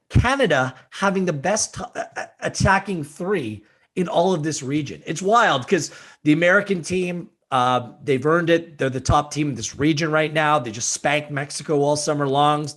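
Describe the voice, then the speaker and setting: A man's voice: fairly high pitch, moderate pace. A man hosting a casual sports podcast, talking with enthusiasm. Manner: enthusiastic, excitable. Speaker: podcast host.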